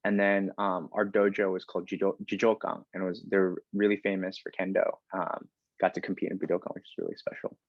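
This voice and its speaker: A man in his thirties from the United States chats as a podcast guest in a casual interview, full of fillers and restarts. His low voice is completely flat and fairly quick, with no echo and the highs cut off.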